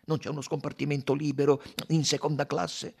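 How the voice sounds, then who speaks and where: A man voicing a brisk, jovial middle-aged railway director who talks emphatically and is quick to exclaim. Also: fairly high pitch, flat delivery, vocal fry, darkish tone, slightly rough. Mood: impatient.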